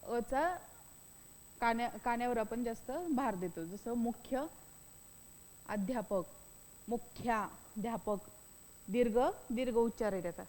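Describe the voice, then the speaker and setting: A woman's voice: a little high, a little slow, long pauses, darkish tone, long reverb tail, rough recording. Woman teaching with repeated questions. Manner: repetitive, asks and answers own questions. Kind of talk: grammar lesson.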